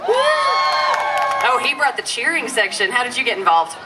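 A woman's voice: fairly high pitch, expressive, fast. A woman emceeing a live contest on an outdoor stage with a handheld microphone, in a playful, teasing manner. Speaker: contest host. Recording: noisy outdoor crowd, live PA.

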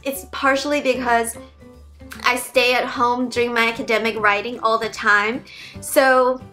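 Her tone turns forceful here, the voice a little high and bright. The young woman, a YouTuber and PhD student with a Mandarin Chinese accent, chats earnestly through a casual Q&A in her bedroom, often beginning sentences again.

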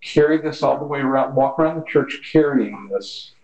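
A man relaxed in telling a parable during a church Bible study discussion in a meeting room. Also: medium pitch, moderate pace, reverberant, muffled recording. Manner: relaxed storytelling with quoted dialogue. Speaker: class member.

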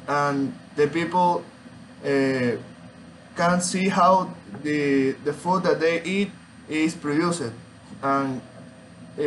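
A young man, a student, gives an informal oral presentation from a small room at home, speaking slowly and haltingly as he searches for words. His voice is a little high, and the poor audio carries a slight hiss or hum.

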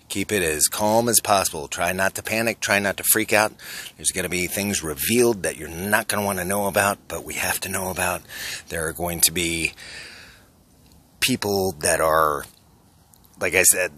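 A man's voice: lowish voice, pushed and bright. A man in his forties vlogging to a phone held at arm's length on a city street at night, earnest and urgent, posing rhetorical questions. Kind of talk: selfie street vlog monologue.

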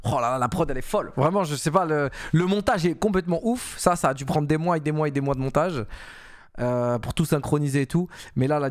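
A young man streaming a casual reaction, talking in a slangy, excitable way with frequent exclamations and repeats. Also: mid-range voice, no echo. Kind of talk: casual live reaction commentary.

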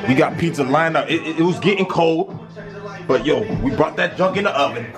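Young male party guest, higher-pitched and animated, excitable slang, loud music behind. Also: fairly quick. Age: young adult. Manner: excitable, slangy, repeats phrases. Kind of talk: casual chat to a vlog camera. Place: apartment kitchen at a party. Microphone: handheld camera nearby.

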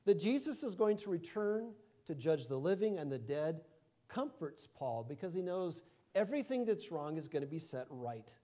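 A middle-aged male preacher with a fairly high but mellow, warm voice. He preaches conversationally, swinging between soft asides and loud emphasis, with a quick chuckle now and then. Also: very animated. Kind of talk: sermon.

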